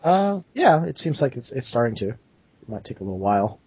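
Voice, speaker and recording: A man narrating as game master in a halting way, with many fillers, recorded on dull, dry lo-fi sound. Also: medium pitch, sing-song, husky, no echo.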